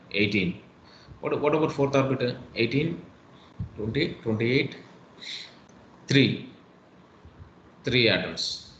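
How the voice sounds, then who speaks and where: A man's voice: medium pitch, fairly bright tone. An Indian English-accented man lectures online in an echoey room with a faint hiss behind him. He hammers points home by repeating them, leaning on fillers between phrases. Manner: repetitive, emphatic, many fillers.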